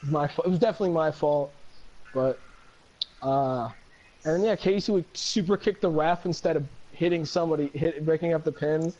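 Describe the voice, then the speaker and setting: A man's voice: on the high side, a little fast, mellow. Ranting, foul-mouthed man, muffled mic. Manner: profane, rambling and heated. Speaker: guest. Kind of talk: casual chat.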